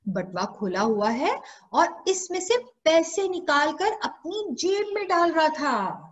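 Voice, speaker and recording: A woman teacher with a Pakistani Urdu accent narrates a story for young pupils in an online class. Her voice sits high and moves through a wide, animated range. The sound comes through a dull, lo-fi video call. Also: slow. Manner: expressive, repeats lines as questions to pupils.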